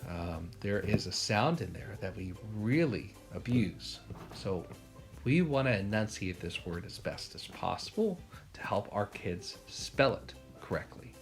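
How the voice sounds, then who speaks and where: Brief: male teacher with an American accent, gravelly voice, breaks words into sounds for kids. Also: lowish voice, big pitch swings, soft background music. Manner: sounds out words slowly, asks rhetorical questions. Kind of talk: spelling lesson.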